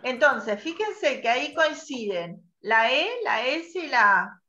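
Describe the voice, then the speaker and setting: A woman teacher leading an online class, patiently quizzing students and spelling out sounds slowly. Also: a little high, lively intonation, bright, forceful tone. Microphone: video call. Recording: muffled online call audio.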